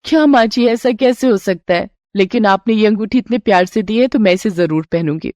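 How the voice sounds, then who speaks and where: Woman voicing a bright, eager young daughter-in-law. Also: mid-range voice, a little fast, no room sound, clean studio sound, natural voice. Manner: bright, excited, wondering. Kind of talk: storybook character voice.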